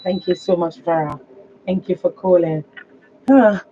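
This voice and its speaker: This woman, who has a Nigerian accent, hosts a conversational phone-in advice show on the radio. Her voice is lowish and warm, and she speaks in an unhurried way over a dull, noisy lo-fi broadcast.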